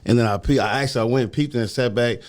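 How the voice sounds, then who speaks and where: Easygoing, fast-talking male guest who laughs easily, mid-pitched voice. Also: a little mellow. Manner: easygoing, laughs often, chimes in. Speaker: guest, small business owner. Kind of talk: casual podcast chat. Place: podcast studio.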